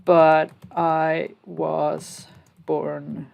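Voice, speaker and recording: Typing as she goes, a Spanish woman who teaches programming explains code one step at a time, with relaxed side comments along the way. She speaks extremely slowly in a low, level, creaky voice, and the sound is lo-fi.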